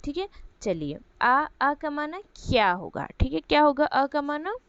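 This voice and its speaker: A woman teaching Arabic grammar in an online Quran lesson, explaining step by step, asking and answering her own questions, and reciting Arabic phrases slowly. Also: sits high, sing-song, no room sound, muffled recording. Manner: repeats "ठीक है" as a check-in.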